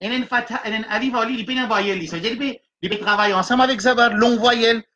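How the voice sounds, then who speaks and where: A man leads a Quran reading lesson, sounding out each letter and vowel slowly and repeating syllables for his students. His voice sits high for a man, with a bright, forward tone. He drifts between French, English and Arabic terms as he explains. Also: highs cut off, slight background noise. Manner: slow and repetitive, sounding out syllables one by one.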